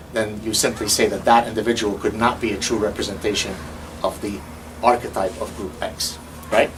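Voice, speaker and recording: A Lebanese man in his fifties, a native Arabic speaker, hosts lecture-style commentary in a medium-pitched voice. The poor audio is recorded from a distance with slight background noise, and he's animated and sarcastic, mocking opponents by imitating their voices.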